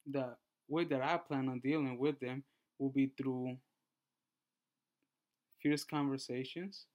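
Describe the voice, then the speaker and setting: A man in his twenties from Honduras, giving a class presentation and reading through his slides in a measured way with small restarts. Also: medium pitch, steady tone, darkish tone. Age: 20s. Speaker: student presenter.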